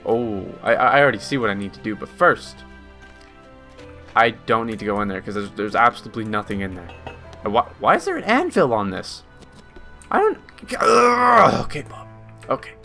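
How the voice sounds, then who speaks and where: A young man giving casual, excitable game commentary, swearing a lot and talking to his character. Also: fairly low pitch, brisk, long pauses, faint music behind. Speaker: gaming channel host.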